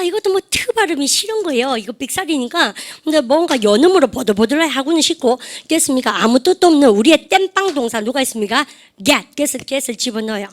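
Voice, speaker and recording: A middle-aged woman with a high voice gives an English lesson in a classroom. She teases her students and keeps tossing them quick questions. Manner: lively, teasing, asks the class many quick questions. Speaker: English teacher. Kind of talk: classroom lecture.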